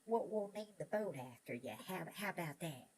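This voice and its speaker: An actor playing an excitable, chatty old prospector with an American Old West drawl, stammering and rambling in a Western audio drama. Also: male voice, sits high, brisk, slight background noise. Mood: merry, dreamy. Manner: rambling, stammering, repeats words, chuckling old prospector talk.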